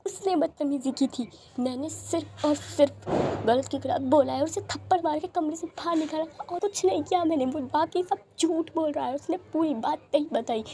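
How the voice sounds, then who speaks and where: A tearful young man, as a woman narrator puts him on, pleading in a high, strained voice. He begs over and over through his crying. A faint hiss of noise sits under the reading. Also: mellow.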